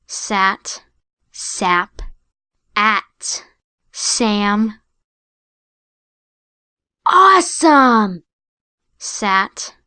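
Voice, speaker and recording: A woman's voice: on the high side, bright, forceful tone, no room sound, clean studio sound. A woman voicing the prompts of a children's phonics app, giving cheerful praise and sounding out letters and words with care. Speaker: app narrator.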